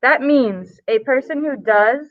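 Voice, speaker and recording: A woman leads a live classroom lesson, walking students through the work in a casual, chatty way. Her voice sits fairly high. The sound is dry and tinny, like a phone line. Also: slow pace, no echo. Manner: casual, chatty, explains step by step. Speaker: teacher.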